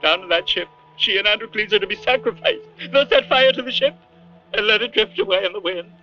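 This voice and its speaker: An actor dubbing a boastful, cowardly male sidekick with a shrill, excitable voice. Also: brisk, lightly acted. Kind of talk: dubbed film acting. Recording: dull old film soundtrack with music.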